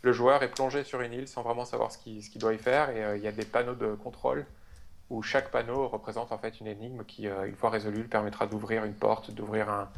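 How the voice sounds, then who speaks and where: A man co-hosting a podcast in casual chat, talking in a hesitant way with many filler pauses. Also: lowish voice, level tone, gravelly. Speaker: podcast co-host.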